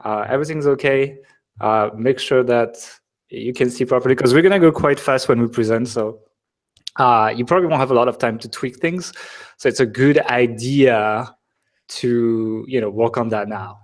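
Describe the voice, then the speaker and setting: A man's voice: medium pitch, moderate pace. French guy hosting a webinar, laid back chatty talk, lots of uh and um, jokes around. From France. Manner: chatty, joking, many fillers. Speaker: webinar host. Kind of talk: casual live webinar chat.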